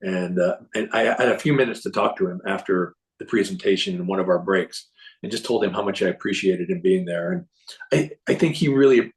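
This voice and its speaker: A man giving a casual, rambling recap of a symposium to a group, often clearing his throat and restarting sentences. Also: deep voice, fairly quick, poor audio. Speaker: presenter reporting on a symposium.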